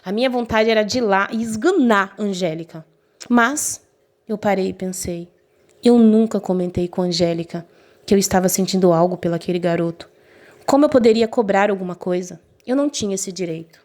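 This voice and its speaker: A young woman telling a personal story in the first person, emotional and expressive, briefly voicing the other people in it. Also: medium pitch, a little fast. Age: young adult. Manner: emotional, voices quoted friends and mother lightly.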